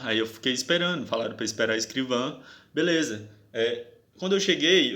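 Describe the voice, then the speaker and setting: A young man recounts his story to viewers in an aggrieved, slang-heavy way. His voice sits mid-pitch and sounds bright and forward. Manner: aggrieved, slangy, keeps asking "sabe?".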